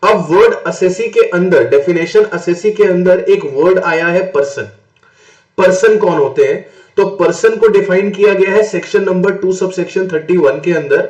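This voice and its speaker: Guy from north india teaching tax, kinda high voice, asks questions then answers them, echoey room. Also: moderate pace, darkish tone, muffled recording. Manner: mixes English terms into Hindi explanation. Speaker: tax lecturer. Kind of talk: exam-prep classroom lecture. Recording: roomy echo.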